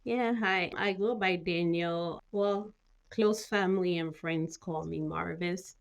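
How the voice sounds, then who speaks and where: A middle-aged woman from Cameroon, a mental health nurse practitioner, appears as an interview guest. Her voice is lowish and slow, with vocal fry, in a muffled recording. She talks informally, full of conversational filler and frequent "you know"s.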